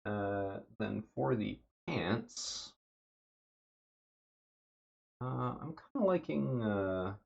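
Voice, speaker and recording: Low husky guy rambling on a stream while he paints, dry throat, slightly muffled mic. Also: drawn-out words, long pauses. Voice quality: dry throat, a bit rough. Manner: relaxed, thinking aloud with many fillers. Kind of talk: casual livestream chat. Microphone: desk mic with noise gate.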